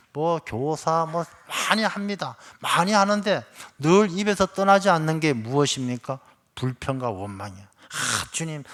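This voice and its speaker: A male pastor preaches a Sunday sermon in a voice pitched a little high. He tells lively everyday stories and acts out the grumbling voices of complainers. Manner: lively storytelling with acted quotes of complainers. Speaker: senior pastor.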